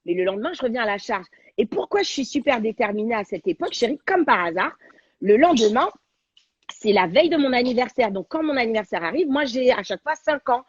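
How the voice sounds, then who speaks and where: A woman, a guest on a talk show, telling a personal story in an animated, slangy, dramatic way over a video call. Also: fairly high pitch, brisk, breathy edge, no echo, lo-fi sound. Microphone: video call on a livestream.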